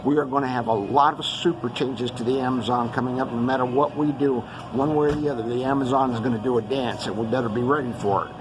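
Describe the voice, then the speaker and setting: A man raised in the Los Angeles area, California, hosts an earth-changes briefing as a rambling monologue, listing place after place with many fillers. He has a mid-range voice, and the background is noisy.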